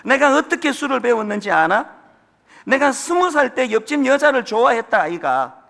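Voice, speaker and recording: A man's voice: very high voice, sing-song, moderate pace, vocal fry, sharp tone, voice pushed up, full character voice. A man voicing a corrupt, worldly old male tycoon with a Gyeongsang dialect, lecturing in a world-weary drawl.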